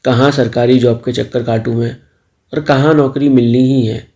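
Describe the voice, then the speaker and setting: A cheeky young milkman in a spoken storybook, as a man reads him, teasing and playful. The voice sits low and mellow with a gravelly fry running through it. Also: fairly even intonation, moderate pace, natural voice. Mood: bashful. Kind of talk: storybook dialogue.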